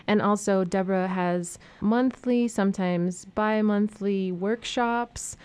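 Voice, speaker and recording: A woman's voice: medium pitch, steady tone, slow, a little mellow, clean tone. A woman hosting a radio interview, friendly, asking questions and giving background for listeners. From United States. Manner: friendly, asks questions and sums up. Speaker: radio show host.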